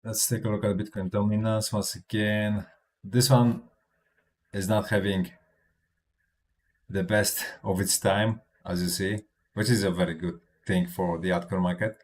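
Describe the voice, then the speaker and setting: Speaking English as a second language in a low, fairly even voice, a man livestreams his crypto chart analysis in a casual, stop-and-start way. He keeps saying "right?" and lets out soft chuckles between points.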